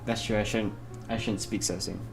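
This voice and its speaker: A man's voice: fairly low pitch, steady tone, a little fast, creaky, soft background music. A young man co-hosting a casual podcast, easygoing and hesitant with many fillers. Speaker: podcast co-host. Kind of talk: casual chat.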